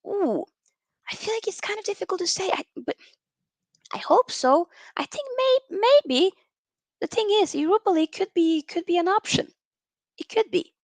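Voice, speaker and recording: A woman's voice: very high voice, moderate pace, vocal fry, long pauses, no room sound. Chatty woman hosting a football livestream. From Norway. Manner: animated and chatty, reads out viewer comments. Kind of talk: casual live-stream chat with viewers.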